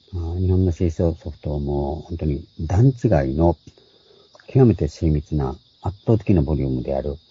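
An older man preaches slowly and explains scripture word by word, his low voice very dark and husky. It comes through a dull, lo-fi and dry recording. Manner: measured, explains word by word, voicing scripture quotes higher. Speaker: Bible teacher. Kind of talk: explanatory Bible sermon.

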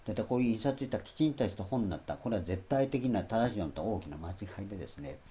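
A man giving a Bible lecture in a rambling sermon style, stressing his points and loudly acting out the phrases he quotes. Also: fairly low pitch, expressive, fast talker. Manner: rambling, repeats himself. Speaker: Bible teacher.

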